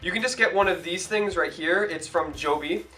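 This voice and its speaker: A young actor from Toronto, Canada, films a casual how-to vlog at home in a room in front of a hung sheet. Upbeat and chatty, he demonstrates hands-on as he gives advice, his high-pitched voice sharp in tone and moderate in pace.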